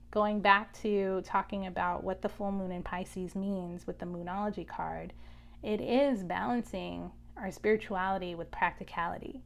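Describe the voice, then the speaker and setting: Woman, spiritual reader, gravelly voice, mid pitch, calm and measured, guided prayer. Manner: measured, contemplative delivery. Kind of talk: energy reading and guided prayer.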